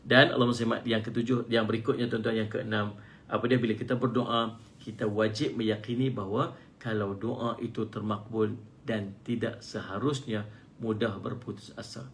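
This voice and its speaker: A man with a Malaysian Malay accent giving an online religious lecture, playful and fond of mimicking loud pleading prayers. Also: flat delivery, moderate pace. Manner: playful, mimics shouting pleaders in high cries. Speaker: religious teacher. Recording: faint background noise, live stream.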